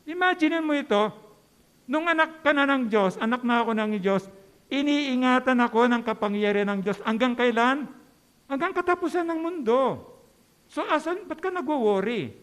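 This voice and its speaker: A man's voice: very high voice, animated, moderate pace, fairly bright tone, clean tone. A man preaching as a pastor in a church, conversational and joking, often checking in with the congregation. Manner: conversational, keeps asking the congregation "di ba?"; joking with the audience. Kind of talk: sermon. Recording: long church hall reverb.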